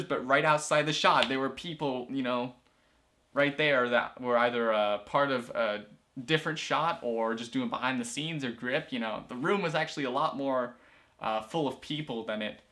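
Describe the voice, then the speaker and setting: Here the same kind of teenage vlogger and student filmmaker addresses the camera casually from a corner of a small indoor room. His medium-pitched voice has a sharp edge, and his talk wanders with lots of fillers and false starts.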